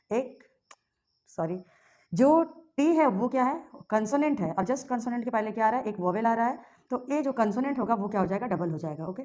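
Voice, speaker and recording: A woman's voice: on the high side, a little mellow. A woman teaching English grammar, asking herself questions and answering them, and spelling words out letter by letter. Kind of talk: classroom grammar lesson.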